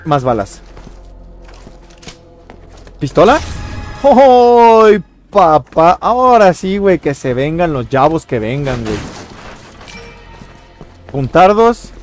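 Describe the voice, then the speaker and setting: A man with a Mexican accent giving let's-play commentary, excitable and swearing, yelling at enemies. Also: on the high side. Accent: Mexican Spanish. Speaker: gaming channel host.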